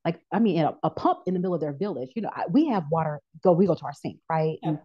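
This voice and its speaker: A woman in her thirties, a podcast guest, tells her story in an animated way, slipping into the voices of the people she quotes. Her voice sits a little low for a woman. The recording sounds dull and lo-fi. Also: quick pace. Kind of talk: casual podcast interview. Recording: dull lo-fi audio.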